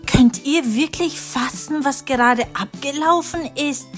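A woman voicing an earnest, wronged girl who pleads to be believed in a kids' animated story. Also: sits high, measured pace, soft background music. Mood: confiding. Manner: pleading, indignant.

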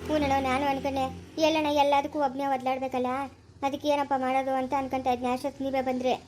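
A woman speaks in a rural Chikkaballapura Kannada accent, her voice pitched very high and her words tumbling out fast. She scolds and comforts by turns, repeating her phrases, in an amateur village family skit. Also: little pitch movement, a little mellow, slight background noise.

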